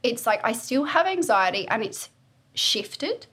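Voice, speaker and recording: Woman, twenties, podcast guest, husky, candid, animated, casual chat. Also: on the high side, a little slow. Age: 20s. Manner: candid, animated, acts out quoted voices.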